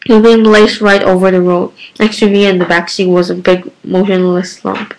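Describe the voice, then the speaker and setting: A woman's voice: mid-range voice, level tone, normal speed, low-quality recording. A woman reading a novel aloud in first person, often tripping over words and correcting herself. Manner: stumbling, self-correcting amateur reading.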